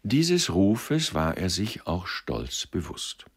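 Very deep, gravelly male narrator. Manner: measured, expressive. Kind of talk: audiobook reading of literary fiction.

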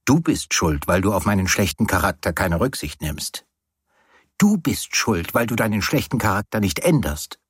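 A man's voice: on the low side, sing-song, normal speed, breathy edge, no echo, studio quality. A man voicing a playful, bossy young woman in an audiobook reading, with a teasing, insistent manner.

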